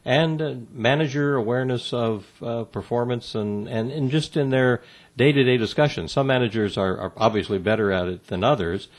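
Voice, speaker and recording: A man answering interview questions about workplace communication in a measured, halting way with many fillers and restarts. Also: mid-range voice.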